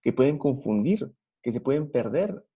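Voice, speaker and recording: A man's voice: medium pitch, sing-song, moderate pace, dark tone, husky. A man with a Guatemalan Spanish accent preaching a Bible study sermon, earnest and putting rhetorical questions to his listeners.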